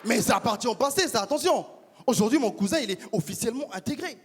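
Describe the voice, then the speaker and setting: A man from Africa performing a stand-up comedy set at a live forum, with punchy, animated delivery and stammered restarts. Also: very high-pitched, fast talker, breathy edge. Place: live stage at a peace forum. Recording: live hall with reverb and crowd.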